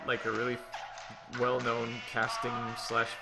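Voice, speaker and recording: A man's voice: mid-range voice, monotone, unhurried, rough recording. Joking American man doing game commentary. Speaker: game creator giving commentary. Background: music and game dialogue.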